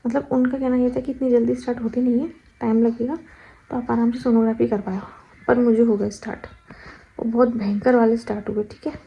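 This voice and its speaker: A young woman vlogger animatedly retells a personal story in casual talk, acting out her own past cries. Her fairly high voice is brisk and gravelly with a breathy edge, and the lo-fi recording sounds slightly dull.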